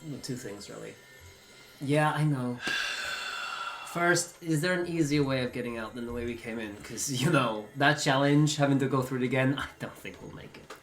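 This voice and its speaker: A man with a mid-pitched voice talks as a player in a tabletop game. His chat is casual, dry and polite, and quiet music sits behind it. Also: moderate pace.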